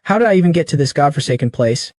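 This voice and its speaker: Man voicing a flustered young gamer, panicky questions, slightly high voice, dry close sound. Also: animated, rapid-fire, a little mellow, no room sound, close to an everyday voice. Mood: panicked.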